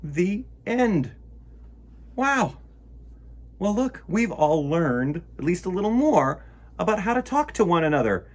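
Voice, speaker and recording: A man hosts a children's storytime, reading aloud and chatting to young listeners with enthusiasm and encouragement. His high-pitched voice is sing-song and unhurried, with long pauses.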